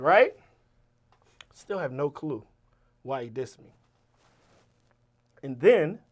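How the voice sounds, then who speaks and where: Profane storytelling man, high-ish voice. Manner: profane, swings from loud to low. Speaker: rapper guest. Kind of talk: animated storytelling.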